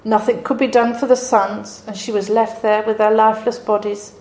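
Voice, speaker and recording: A woman's voice: on the high side, little pitch movement, normal speed, a little mellow. A woman giving an earnest, reflective devotional Bible message in a dramatic storytelling manner. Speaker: preacher. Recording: roomy echo.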